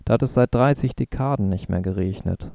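A man's voice: on the low side, a little fast, vocal fry, warm tone, no echo, studio quality. A man voicing a serious, worried male ecologist in a read-aloud story, speaking matter-of-fact.

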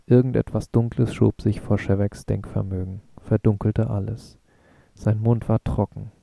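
A man narrating an audiobook in a measured, steady reading. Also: lowish voice, vocal fry, no echo. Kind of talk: scripted narration.

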